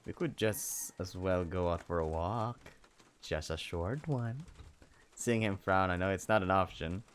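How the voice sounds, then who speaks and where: A man's voice: low-pitched, unhurried, a little hiss or hum. Playful man reading a game aloud. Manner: playful, jokey, breaks into loud yells. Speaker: let's play gamer. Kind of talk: reading a visual novel aloud.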